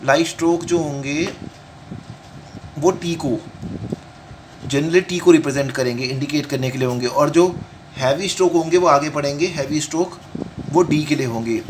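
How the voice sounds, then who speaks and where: A man's voice: fairly high pitch, noisy background. Man teaching shorthand, repeating each point. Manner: repeats each point slowly, often asks and answers his own questions; mixes Hindi with English terms, reads rules out in English. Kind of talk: home lesson with explanations.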